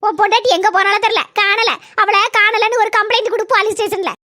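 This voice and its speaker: Cartoon: woman playing high, bright, nagging old mother-in-law, Kanyakumari Tamil accent. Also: steady tone, quick pace, dry recording, studio quality. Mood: scolding. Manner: nagging, grumbling, sharp-tongued. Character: scolding elderly village mother-in-law. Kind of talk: cartoon comedy voice acting.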